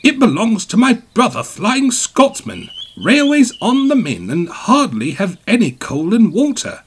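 A man's voice: high voice, sing-song, a little slow, a little hiss or hum, pitched above the performer's own voice. A man voicing a pompous, huffy big male express engine. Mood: pleading. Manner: huffy, self-important. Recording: music bed behind.

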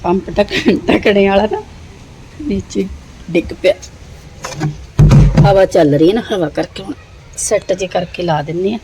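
A woman's voice: measured pace, pauses often. A woman chatting casually to viewers as a home vlogger, exclaiming and repeating words for emphasis. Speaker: family vlogger. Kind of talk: casual home vlog chat. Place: outdoors at a village home in a windstorm. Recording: very noisy outdoor wind and vehicle-like rumble.

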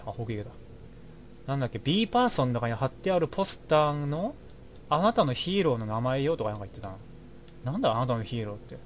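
A man's voice: medium pitch, slight background noise. A man hosting a game playthrough, giving jokey, rambling running reactions as he plays. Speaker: let's play host. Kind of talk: casual game commentary.

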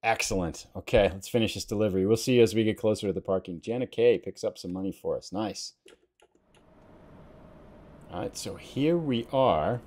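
A man's voice: lowish voice, normal speed. A man hosting a let's play, talking casually and thinking aloud as he drives through the game. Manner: relaxed, chatty, thinking aloud while driving. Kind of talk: casual gameplay commentary.

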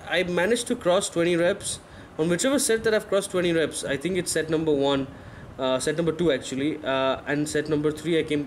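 His voice a little high, a thirties-aged fitness vlogger offers honest, self-correcting narration over his own workout video. It's a voice-over made away from the gym on screen, with a faint hiss or hum.

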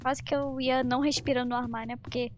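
Very high-pitched, excitable Brazilian woman streamer. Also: lo-fi sound, over loud music. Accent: Brazilian Portuguese. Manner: excitable, dramatic, repeats words in rapid bursts. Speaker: streamer playing a horror game. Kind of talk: live gaming commentary, casual chat.

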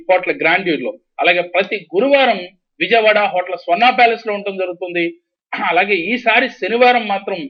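A man giving numerology readings and instructions to callers on a call-in TV show, in a steady, instructive way. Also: high-pitched. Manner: steady, instructive, repeats schedules and numbers. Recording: dull lo-fi TV broadcast audio.

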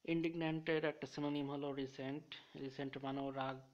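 A man teaching English vocabulary through memory tricks, listing synonyms one by one in a methodical way and slowing down to read example sentences. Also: mid-range voice, level tone. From Bangladesh. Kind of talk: explaining English vocabulary with mnemonics. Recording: dull lo-fi recording.

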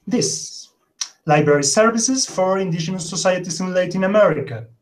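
Over a video call from home, a high-pitched Argentine man in his forties, a native Spanish speaker, gives his conference talk at normal speed through his webcam. He comes across as animated but hesitant, relying on plenty of fillers.

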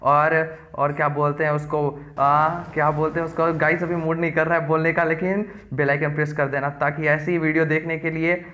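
A man's voice: fairly high pitch, little pitch movement, normal speed, few pauses, bright, forceful tone, lo-fi sound. A man from India giving playful, teasing commentary over a mobile game and calling out to his viewers. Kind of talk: casual gameplay commentary. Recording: noisy recording with game clicks.

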